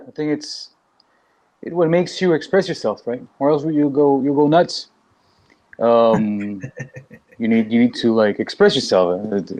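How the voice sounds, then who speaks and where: A man from Canada, a musician and author on a panel, speaking haltingly with many restarts and fillers. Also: medium pitch, darkish tone. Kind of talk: panel discussion.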